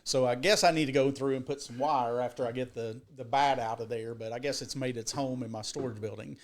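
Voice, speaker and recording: A man co-hosting a podcast, telling a rambling, profane story in an animated way with many restarts. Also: mid-range voice, a little fast. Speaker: podcast co-host. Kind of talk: casual storytelling.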